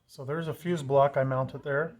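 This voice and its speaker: Walking through his own truck wiring job, a man speaks plainly and casually, pointing out details informally as he works. He talks at a normal speed in a steady, medium-pitched, slightly mellow voice.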